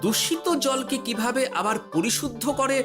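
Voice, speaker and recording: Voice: medium pitch, normal speed, over music, close to an everyday voice. An actor voicing Gopal Bhar, a shrewd, genial village grandfather in a Bengali cartoon, with a theatrical, folksy manner. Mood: genial, scheming.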